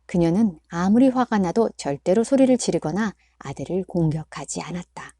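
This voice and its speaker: Woman audiobook reader, mellow and dry, calm measured delivery. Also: lowish voice, no room sound. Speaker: book reader. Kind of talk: audiobook narration.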